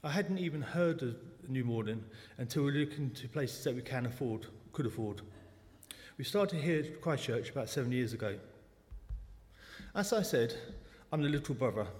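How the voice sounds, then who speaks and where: A man's voice: mid-range voice, lively intonation, moderate pace, darkish tone. A man in his forties from South London, with a South London accent, giving a personal testimony talk at a church service in a chatty, self-deprecating way. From South London, England. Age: 40s. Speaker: lay speaker at a church service. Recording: long church hall reverb.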